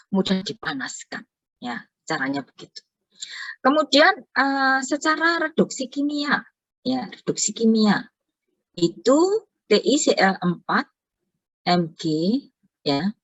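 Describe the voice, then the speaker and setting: A woman's voice: lowish voice, slightly rough, dry recording, poor audio. A middle-aged woman giving an online university chemistry lecture in a chatty, digressive way. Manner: chatty, digressive, tells anecdotes with acted dialogue.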